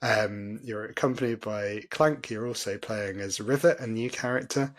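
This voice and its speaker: Male podcast host, fairly low voice, chatty and self-deprecating, loose delivery. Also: moderate pace. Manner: chatty, self-deprecating, many fillers and laughs. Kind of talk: casual chat.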